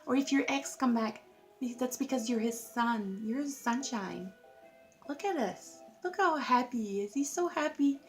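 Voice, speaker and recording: Woman, tarot reader, casual reading to camera, chatty, gushing, slightly high voice. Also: lively intonation, a little slow, faint music behind. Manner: chatty and effusive, lots of "like", laughs at herself.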